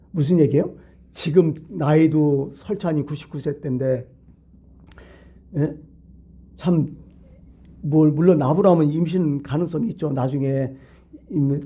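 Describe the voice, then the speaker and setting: A man's voice: on the high side, moderate pace, long pauses, mellow, breathy edge. A male pastor giving a midweek sermon in a church, talking to the congregation in a conversational way and asking them rhetorical questions. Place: church sanctuary.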